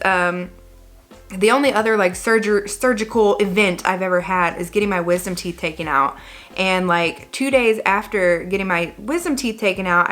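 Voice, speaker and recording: A woman with a mid-range, slightly bright voice tells viewers a personal story as a vlogger. She rambles conversationally, saying "like" often and correcting herself along the way.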